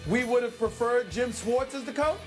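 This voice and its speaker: Emphatic high-voiced man debating sports. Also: soft background music. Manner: emphatic, dramatic pauses, drawn-out words.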